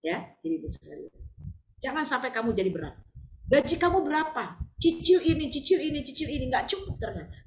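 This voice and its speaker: An older woman teaching a religious study group, animated and often asking her listeners to agree. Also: sits high, fairly quick, echoey room, muffled recording.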